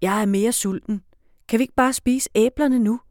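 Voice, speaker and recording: A woman's voice: fairly high pitch, a little mellow, dry recording, studio quality, pitched above the performer's own voice, lightly acted. A woman voicing a stubborn, hungry young boy in a storybook reading, speaking in a whiny, raised voice.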